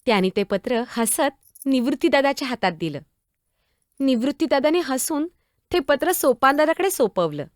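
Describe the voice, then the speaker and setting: A woman performing a one-woman stage drama, playing a spirited young girl saint who is devoted to her brothers, blunt and sharp-tongued, pleading and expressive as she speaks to people who are not there. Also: sits high, moderate pace, no room sound, studio quality. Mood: storytelling.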